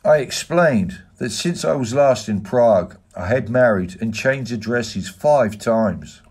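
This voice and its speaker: A man reading a literary novel aloud in a measured, even manner. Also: medium pitch, husky. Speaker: audiobook reader. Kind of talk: scripted narration.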